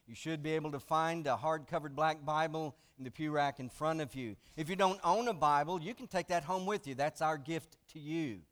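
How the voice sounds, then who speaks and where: A male pastor preaching a sermon, telling jokes and teaching with frequent "I mean" asides. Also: on the high side. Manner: animated storytelling with frequent "I mean".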